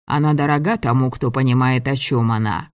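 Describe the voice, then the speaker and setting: Man reading a calm, teasing fatherly man. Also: mid-range voice, brisk, no echo, clean studio sound, lightly acted.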